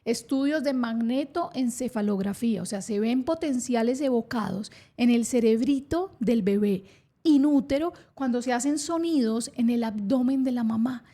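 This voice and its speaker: A woman's voice: on the high side, normal speed, dark tone. A woman hosting a science podcast, explaining with enthusiasm and an occasional laugh. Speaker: podcast host.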